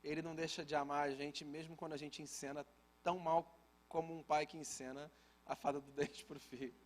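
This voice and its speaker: A man's voice: on the high side, flat delivery, brisk. A man with a Brazilian Portuguese accent preaching a sermon at a church service, telling a family story in a conversational style with humorous asides to the congregation. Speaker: pastor.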